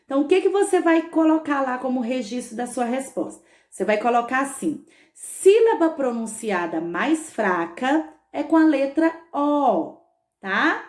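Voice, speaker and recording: Patient teacher in an echoey room. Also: female voice, high-pitched, big pitch swings, moderate pace. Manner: patient, stretches words, frequent "tá bom?" check-ins. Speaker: schoolteacher. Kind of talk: remote lesson for young pupils.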